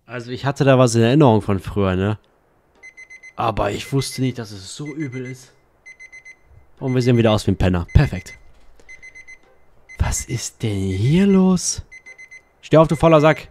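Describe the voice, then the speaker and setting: A man hosting a let's play, giving casual gameplay commentary in an excitable way, swearing and laughing at the game. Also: mid-range voice, moderate pace, pauses often.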